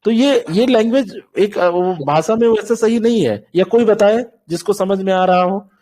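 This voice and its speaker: High-voiced man teaching a patient online class. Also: normal speed, mellow. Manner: patient, explains with repeated examples. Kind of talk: online doubt-clearing class.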